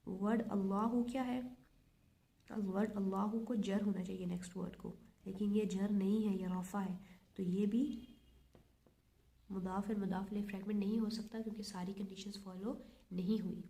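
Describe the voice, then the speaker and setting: A woman's voice: mid-range voice, fairly even intonation, normal speed, pauses often, dark tone. A woman teaching a grammar lesson, stepping through examples methodically and repeating each check aloud.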